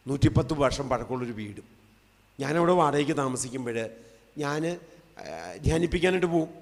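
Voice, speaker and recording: Man preaching a testimony in a big hall. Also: a little high. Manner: swings between loud emphatic cries and soft hushed asides. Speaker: lay preacher. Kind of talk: emotional testimony sermon. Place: large convention hall. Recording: long hall reverb.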